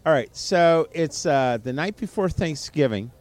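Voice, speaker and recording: A man's voice: on the high side, animated, unhurried, darkish tone. A man hosting a casual podcast chat, easygoing, laughing along and hesitating with fillers as he thinks. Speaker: podcast host.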